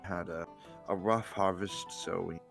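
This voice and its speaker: A man's voice: deep voice, steady tone, measured pace, creaky, a bit bright, soft background music, exaggerated voice. A man voicing a cagey teenage farm boy selling crops, haggling in a casual, evasive way. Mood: salesmanlike.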